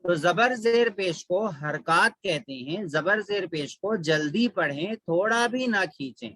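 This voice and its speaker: Male reading tutor, high bright voice, patient repetition, dry close sound. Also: lively intonation, dry recording, low-quality recording. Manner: patient, repeats each rule slowly. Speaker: Quran reading teacher. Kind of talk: online class instruction.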